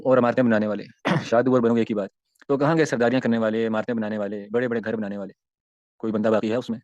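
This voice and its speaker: A man's voice: on the low side, darkish tone, dry recording, lo-fi sound. A man, teaching an Islamic class and explaining Arabic verses, with many rhetorical questions and emphatic rises and falls.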